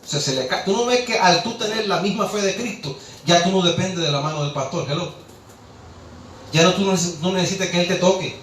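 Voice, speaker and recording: A man's voice: high voice, a little fast, a bit bright, slight background noise. A man preaching a sermon, impassioned, rhetorical and scolding. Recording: echoey room, distant mic, faint ambience.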